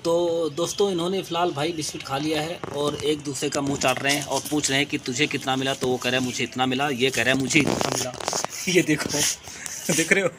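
A man with a slightly high voice vlogs casually from a rooftop, teasing his dogs and chatting with his viewers. It is recorded on a handheld phone out in the open. Noticeable background noise and dog sounds carry through. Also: fairly even intonation, fast. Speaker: vlogger. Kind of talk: casual pet vlog. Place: rooftop, outdoors.

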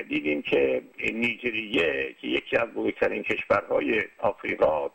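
A man giving formal, lecture-style political commentary, speaking in a measured way with frequent hesitations. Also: mid-range voice, gravelly, breathy edge, dry recording, dull audio.

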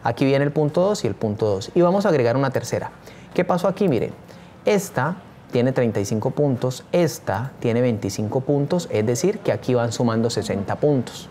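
A man's voice: medium pitch, animated, brisk, mellow, a little hiss or hum. A man teaching a screen-share tutorial, talking eagerly and straight to his viewers. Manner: enthusiastic, addresses viewers directly.

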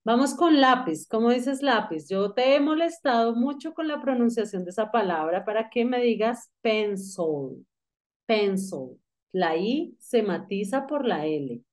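A woman's voice: a little high, lively intonation, measured pace, hardly any pauses. A woman teaching an English grammar lesson, explaining patiently and asking the student questions as she goes. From Colombia.

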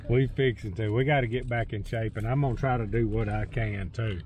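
A man's voice: moderate pace, darkish tone. A man, chatting casually to camera in a farm vlog in an easygoing country drawl, recorded outdoors and in a truck on an action camera. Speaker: vlogger. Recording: noisy with engine rumble.

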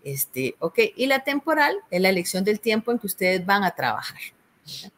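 A woman's voice: medium pitch, sing-song, normal speed, fairly bright tone, slight background noise. A woman with a Costa Rican accent, a university tutor patiently explaining a course assignment, often checking in with "¿verdad?". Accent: Costa Rican Spanish.

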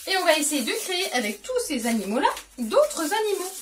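A woman's voice: very high voice, sing-song, brisk, distant mic, slight background noise. A woman educator explains a syllable game to parents and plays it patiently with a young child, praising often. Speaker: educator presenting a learning game.

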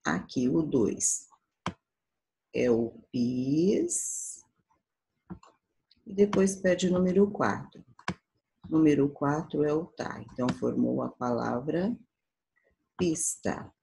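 A Brazilian woman teaching a primary school class, patiently sounding out syllables slowly for young children. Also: low voice, animated, creaky, dark tone, slightly rough, poor audio. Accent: Brazilian Portuguese. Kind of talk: slow, patient remote class lesson.

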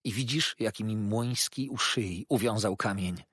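A man's voice: fairly low pitch, measured pace, fairly bright tone, slightly rough, no echo, clean studio sound. A man voicing a despairing older father who laments his fall in a pleading, grief-stricken way. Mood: lamenting. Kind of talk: audiobook character voice.

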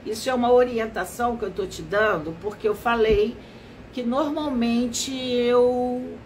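A woman's voice: fairly high pitch, a little mellow, slight background noise, rough recording. A woman, a therapist hosting a casual live stream, her voice nasal and stuffy from allergies. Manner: slow, unhurried, explanatory.

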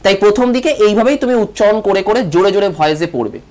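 A man's voice: high-pitched, lively intonation, fast talker, darkish tone. A man teaching a televised online class, stressing syllables and repeating key words, asking questions and answering them himself.

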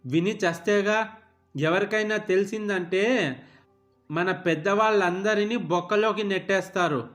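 A man voicing an older father who mocks his wife with slow, wry reproach. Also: high voice, fairly bright tone, faint music behind.

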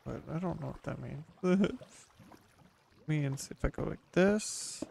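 A man's voice: on the high side, takes it slowly, creaky, a little mellow, a little hiss or hum. A man casually commenting to himself while playing a video game, with hummed tunes and little sound effects. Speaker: gaming channel host. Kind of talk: relaxed gameplay commentary.

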